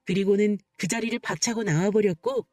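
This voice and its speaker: A young adult woman giving an expressive first-person narration of a dramatic real-life story. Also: medium pitch, a little fast, dry recording. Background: soft background music.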